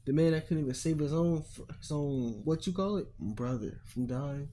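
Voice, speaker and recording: A man's voice: on the high side, normal speed, mellow, slight background noise, lightly acted. A man voicing a mocking young woman rival who taunts and stumbles over her words, in a fan-made story reading. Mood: taunting.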